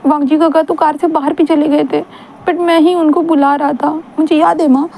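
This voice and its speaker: An eager young man frets and stammers in a high, warm voice, put on by a woman reading a story. His words tumble out as pleading questions. A faint hiss sits under the voice. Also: little pitch movement, normal speed.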